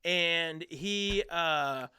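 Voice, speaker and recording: A man hosting a casual interview over a video call, halting and repeating words as he searches for them. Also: on the high side, sharp tone, smooth, no room sound. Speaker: podcast host.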